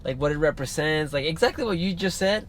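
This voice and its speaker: A man's voice: on the high side, lively intonation, fast talker. A man hosting a podcast from a car, chatting casually and encouraging his guest with rambling stories. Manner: coaching, encouraging, rambling storyteller. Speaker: podcast host. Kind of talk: casual interview chat. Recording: noisy car recording.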